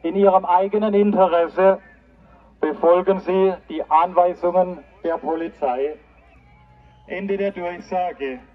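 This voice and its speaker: A man reading out a formal police announcement through a megaphone, in slow, clipped official phrases. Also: high voice, fairly even intonation, narrow, tinny audio. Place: outdoors at a street demonstration.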